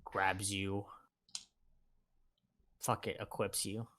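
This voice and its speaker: During a tabletop role-playing game, a man with a fairly low, flat, slightly bright voice speaks extremely slowly. He banters and jokes casually with friends, swearing freely.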